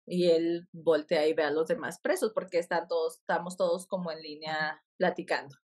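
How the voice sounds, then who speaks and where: A woman, a podcast guest, telling a personal story in a lively conversational way and laughing often. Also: sits low, normal speed.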